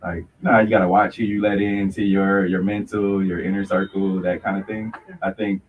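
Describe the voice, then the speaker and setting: A male host with a fairly low voice leads casual radio talk, repeating phrases as he goes. The sound is a little dull and distant, with faint noise behind him. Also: level tone, moderate pace. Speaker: lead host of a sports and pop culture show.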